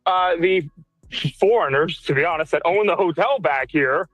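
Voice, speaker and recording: A man's voice: on the high side, moderate pace, fairly bright tone, dry recording, soft background music, rough recording. A man in a played clip, giving wry, sarcastic commentary.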